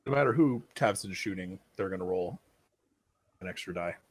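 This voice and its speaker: Low-voiced man musing over game moves. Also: lively intonation, moderate pace, slightly rough. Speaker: livestream co-commentator. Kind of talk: casual game commentary.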